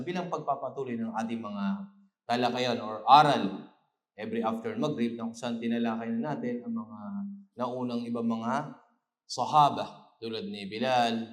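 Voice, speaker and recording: Man giving an Islamic lecture in an echoey room. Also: mid-range voice. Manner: storytelling with rising emphatic peaks and Arabic phrases. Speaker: preacher. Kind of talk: Islamic lecture after evening prayer.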